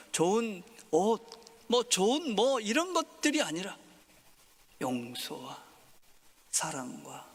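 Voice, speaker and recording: A male pastor preaching a Sunday sermon, swinging from loud emphasis to soft whispers. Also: high-pitched, creaky, slightly rough. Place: church sanctuary. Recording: long hall reverb.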